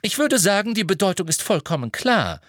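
A man's voice: high-pitched, sing-song, brisk, a bit bright, dry recording, studio quality, voice pushed up. A man voicing a strict older female professor who speaks curtly and coldly in an audiobook reading. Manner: curt, cold, precise.

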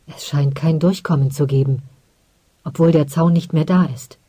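A narrator voicing a stubborn young male warrior, talking in a hushed, urgent and insistent way. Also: medium pitch, steady tone, moderate pace, slightly rough, dry recording, lightly acted.

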